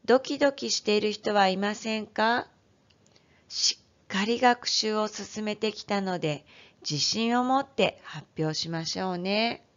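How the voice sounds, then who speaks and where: A woman teacher leads a lesson for young children, speaking slowly and deliberately with careful, clear enunciation. Her voice sits at a moderate pitch and has a gentle, encouraging tone. The recording sounds slightly dull and lo-fi. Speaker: elementary school teacher. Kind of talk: online lesson for first graders.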